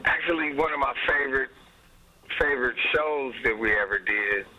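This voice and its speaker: A man's voice: mid-range voice, normal speed, dull audio. A man being interviewed as a guest musician, telling stories with frequent laughs and free swearing. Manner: animated storyteller, laughs often, swears freely. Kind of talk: casual interview chat.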